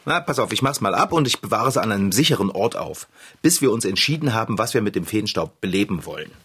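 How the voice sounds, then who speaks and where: A man playing an excitable, touchy bicycle tinkerer in a children's radio play, bickering and teasing defensively. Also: lowish voice, quick pace, breathy edge, full character voice.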